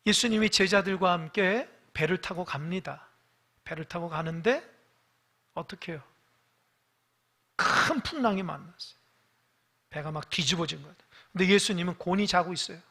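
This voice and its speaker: A male pastor preaches in a church sanctuary, his voice sitting high for a man. His tone is bright and ringing. He puts questions straight to the congregation and jumps from loud emphatic bursts to near-whispered asides. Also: normal speed, creaky, pauses often. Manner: preaching with sudden loud rises and hushed asides; addresses the congregation directly with questions. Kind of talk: sermon.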